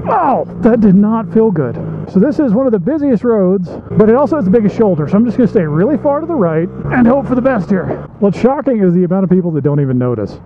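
A man chatters excitedly while riding a tiny motorbike through town traffic, joking with his viewers as he goes. His voice sits high and swings all over the place. The sound is dull and muffled, with loud road and engine noise underneath. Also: fast talker. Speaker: motovlogger. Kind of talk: casual motovlog commentary while riding.

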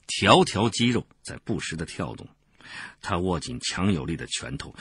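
A man reading a historical novel aloud in a dramatic audiobook narration, swinging expressively between loud and soft passages. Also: low-pitched, breathy edge.

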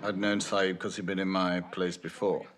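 A man's voice: sits low, flat delivery, moderate pace, a bit bright. An older man, a screenwriter, answering interview questions in a thoughtful, musing way, often restarting phrases and adding "you know". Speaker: screenwriter interviewed about his film. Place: dim indoor room with lamps behind. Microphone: medium shot, seated, unseen mic.

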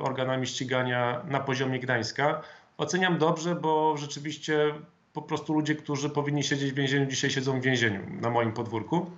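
A man in his thirties, a member of parliament, answering interview questions over a video call in a measured, formal way with some hesitant fillers. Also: medium pitch, a bit bright. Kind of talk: political interview. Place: home office with flag, indoors. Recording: dull lo-fi video call audio.

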